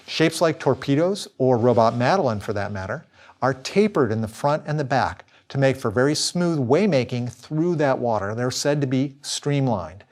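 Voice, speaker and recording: A man lecturing in a recorded course, explaining clearly and now and then correcting himself mid-word. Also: medium pitch. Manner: clear explanatory delivery with small self-corrections.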